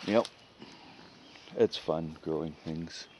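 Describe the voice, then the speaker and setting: A man giving a casual, unhurried walkaround of his food garden outdoors, pointing out plants with short remarks. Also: very deep voice, darkish tone, slight background noise.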